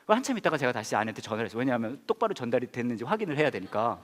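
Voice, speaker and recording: A man's voice: mid-range voice, big pitch swings, very fast, slight background noise. A man in his thirties, a pastor, telling a funny personal story in a sermon, acting out the other people's voices and laughing often. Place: church hall. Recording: long hall reverb.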